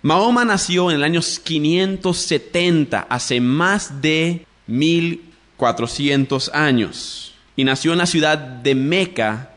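A man's voice: mid-range voice, a bit bright. A man giving a religious radio teaching in a didactic way, addressing listeners directly and spelling out words letter by letter. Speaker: radio preacher.

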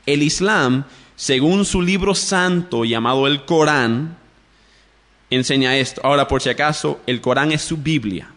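A man with a slightly raised voice teaches in the manner of a religious radio program. He talks straight to his listeners and slows down to spell out key words letter by letter. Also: fairly high pitch, a bit bright. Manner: addresses listeners directly. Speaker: radio preacher.

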